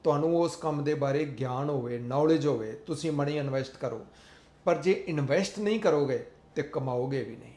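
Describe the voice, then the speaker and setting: A man's voice: on the high side, moderate pace, warm tone, reverberant. A man giving an earnest motivational talk, repeating his points in a sermon-like way. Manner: earnest, repetitive, sermon-like delivery. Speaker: motivational speaker.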